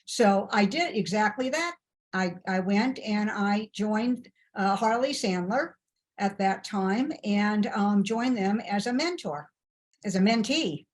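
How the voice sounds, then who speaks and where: A woman's voice: mid-range voice, expressive, slow pace. A middle-aged woman from Ohio, a guest in an interview, telling her story in a chatty way with hesitant fillers. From Ohio, USA. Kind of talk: conversational storytelling.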